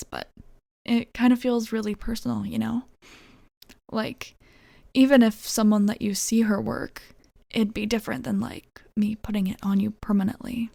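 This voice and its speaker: Woman playing flirty tattoo artist, ASMR role-play, creaky voice. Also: mid-range voice, dry recording. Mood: earnest, soft. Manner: soft-spoken, casual, gently teasing, slightly bashful. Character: flirty, easygoing, reassuring female tattoo artist.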